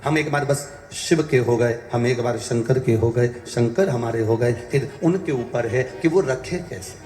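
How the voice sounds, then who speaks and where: A man giving a devotional sermon, repeating phrases emphatically to exhort his listeners and breaking into slow sung verses. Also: mid-range voice, darkish tone. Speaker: preacher giving a religious discourse. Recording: echoey hall with music behind.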